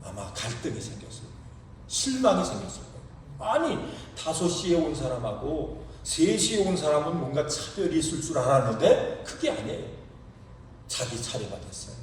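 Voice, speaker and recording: A man preaching in a church with an animated, questioning style. His voice rises and falls widely and sits a bit high. It echoes heavily around the hall, picked up from a distance with a faint hiss underneath. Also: moderate pace. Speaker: pastor. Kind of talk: sermon. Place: church sanctuary.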